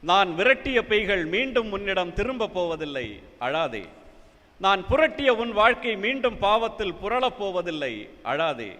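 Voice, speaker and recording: A man voicing a gentle holy man who consoles a weeping woman, with soothing repeated refrains, in a church hall. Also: sits high, very animated, moderate pace, voice pushed up, full character voice. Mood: consoling.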